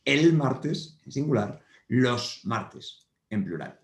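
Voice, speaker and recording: This man, a primary school teacher, teaches grammar at the whiteboard with patience, repeating points and checking in with the kids regularly. His medium-pitched voice swings widely in pitch, goes at a slow pace, and has vocal fry. The recording carries a roomy echo.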